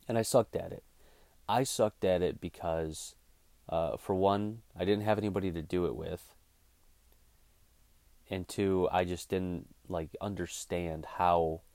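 With a deep, slightly mellow voice and no echo around it, a podcast host in his thirties rants casually. He's blunt and swears freely throughout the monologue on his own show.

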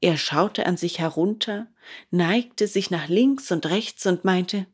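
A woman reading a children's book aloud in a calm, measured way. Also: fairly low pitch, slightly rough. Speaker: audiobook reader.

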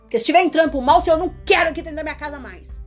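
A woman preaches a fervent sermon in a rather high voice, forceful and repetitive, as if shouting in a public square. Soft music plays faintly behind her. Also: very fast. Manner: loud and emphatic, repeats phrases. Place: online broadcast.

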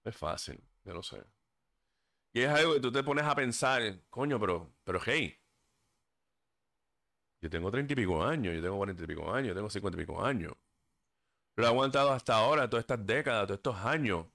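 On a desk mic, a podcast host talking casually on his own has a voice on the low side, expressive and brisk, creaky and fairly bright, with long pauses. He speaks earnestly, even preachily, sometimes stumbling over words and drifting into English fillers.

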